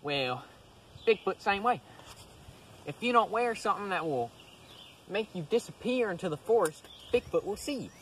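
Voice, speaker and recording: A young man with a high-sitting voice and lively intonation hosts a folksy how-to video in the woods, speaking at a moderate pace with long pauses. He addresses a handheld camera a few metres away, and its mic records the outdoor ambience.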